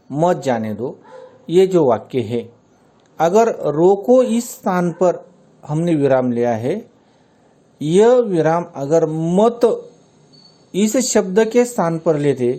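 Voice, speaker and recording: A male teacher walks his students through a grammar lesson. He speaks slowly and deliberately, in a voice a little higher than most men's. His pitch swings widely as he stresses each point. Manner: slow, deliberate explaining with lively pitch.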